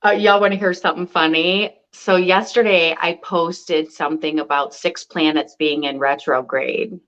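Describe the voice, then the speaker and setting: A woman co-hosting a casual talk show, telling a story in a lively, profane way and acting out what people said. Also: fairly low pitch, normal speed, dull audio. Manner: lively, profane, acts out quotes. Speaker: podcast co-host.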